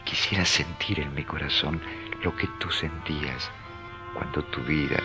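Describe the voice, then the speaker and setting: An actor playing an ailing, humble and fervent friar with a gravelly voice in a radio serial. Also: male voice, extremely low pitch, measured pace, over music. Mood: prayerful.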